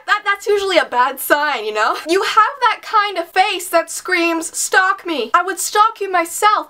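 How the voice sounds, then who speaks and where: High, bright young woman reading in playful disbelief. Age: 20s. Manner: playful mock disbelief when reading and reacting to odd comments. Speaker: vlogger reading viewer comments. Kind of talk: casual comedic chat to camera, reading comments aloud and reacting. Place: small room indoors, facing camera.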